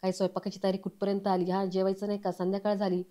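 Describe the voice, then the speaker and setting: A woman reading the lines of a strict, scolding grandfather over 60, in a mellow, level voice. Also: mid-range voice, monotone, very fast, lightly acted. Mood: stern. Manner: stern, scolding. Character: strict elderly grandfather, disciplined.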